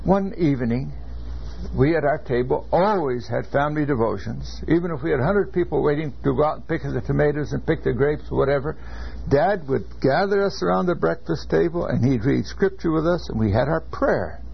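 A man's voice: on the high side, animated, vocal fry, a little hiss or hum. An older man from California, a seminary professor, lecturing earnestly and telling stories from his own life. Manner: measured, earnest, anecdotal. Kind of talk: classroom lecture with personal storytelling. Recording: dull lo-fi lecture recording.

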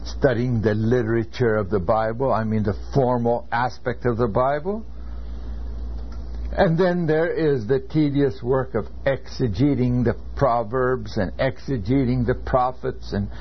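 Older man, seminary lecture, measured and earnest, mid-pitched voice, muffled lo-fi recording, faint hiss. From California. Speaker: seminary professor. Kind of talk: classroom lecture with personal storytelling.

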